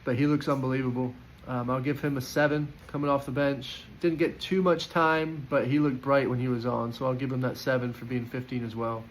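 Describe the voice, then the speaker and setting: A man talking through player ratings in a loose, opinionated reaction style. He stops and restarts his sentences often and fills the gaps with ums. His voice sits at an ordinary middle pitch, with a faint hiss under it. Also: flat delivery, brisk, few pauses, poor audio. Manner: chatty, opinionated, lots of fillers and restarts. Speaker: football fan giving player ratings. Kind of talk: casual post-match reaction.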